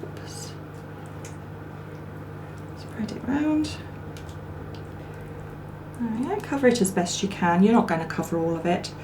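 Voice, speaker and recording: A woman's voice: mid-range voice, sing-song, slow, pauses often. Chatty woman cooking at home. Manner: chatty and homely, talking while cooking and eating. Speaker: cooking show host. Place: home kitchen. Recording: echoey room with clear background noise. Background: clatter of dishes and cutlery.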